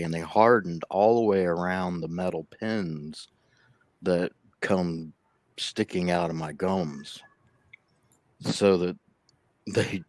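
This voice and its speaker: A man's voice: low voice, a little mellow, no echo. A man with a slight lisp from missing front teeth, chatting casually on a live stream, telling a long rambling story and mumbling a little. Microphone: laptop.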